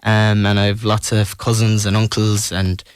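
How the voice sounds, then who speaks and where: A man's voice: fairly low pitch, little pitch movement, normal speed, clean tone, dry recording, clean studio sound. A man from Ireland with a west of Ireland accent, talking casually and tentatively as a musician in a radio interview.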